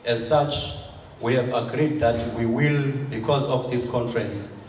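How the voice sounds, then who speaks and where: A man's voice: medium pitch, steady tone, a little mellow. South African man orating in an echoing hall. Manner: measured oratory in short phrases. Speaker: government official giving a speech. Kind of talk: formal prepared political speech. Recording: echoey hall, distant microphone, faint noise.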